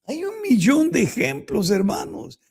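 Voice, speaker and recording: A man's voice: extremely high pitch, wildly swooping pitch, measured pace, vocal fry, darkish tone. A man preaching a Bible teaching, emphatic and full of rhetorical questions to his listeners. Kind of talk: sermon-style Bible teaching.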